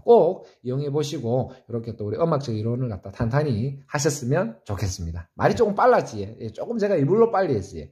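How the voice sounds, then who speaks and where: A middle-aged man with a Gyeongsang Korean accent teaches music theory online, quizzing viewers and answering his own questions in a sing-song way. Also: warm tone. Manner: call-and-response quizzing, asks then answers himself; sing-song, jumps between high questions and low answers. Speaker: saxophone teacher.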